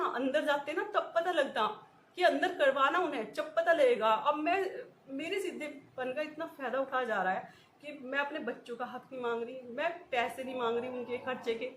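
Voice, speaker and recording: A woman, talking in an emotional personal vlog, in short repeated phrases and often breaking into nervous laughs. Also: high voice. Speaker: vlogger. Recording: echoey room with faint ambient noise.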